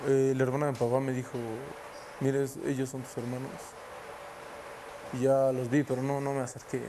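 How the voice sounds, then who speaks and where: A man recalls a painful memory in a documentary interview, speaking quietly and hesitantly at a mid pitch. A steady hiss of noise sits under the recording. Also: fairly quick. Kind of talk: recounting a personal memory.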